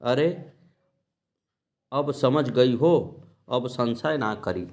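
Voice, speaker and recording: A man's voice: medium pitch, extremely slow, darkish tone. A man voicing an elderly village holy man who chides his followers fondly in rustic dialect. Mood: homely chiding. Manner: rustic dialect speech, homely and scolding.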